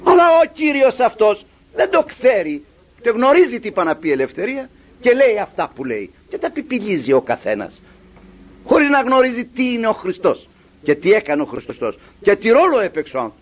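A man preaching a sermon, animated, acting out little dialogues as he teaches. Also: very high-pitched. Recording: dull lo-fi recording.

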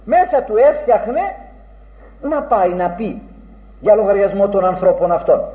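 A man's voice: high voice, animated. A man preaching a sermon in an earnest, rhetorical way, with old-fashioned phrasing. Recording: dull, echoey room recording.

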